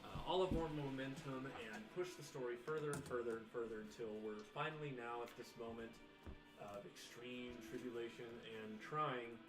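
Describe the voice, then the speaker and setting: A man's voice: mid-range voice, moderate pace. Earnest man hosting, echoey room. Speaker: host. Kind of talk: live stream show introduction. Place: room with a gaming table. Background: music playing.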